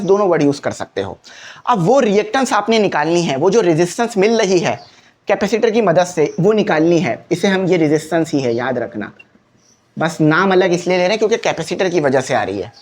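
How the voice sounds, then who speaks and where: A male physics teacher gives an exam-prep lecture. He explains step by step, repeats the key points and asks quick quiz questions. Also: high voice, a little mellow.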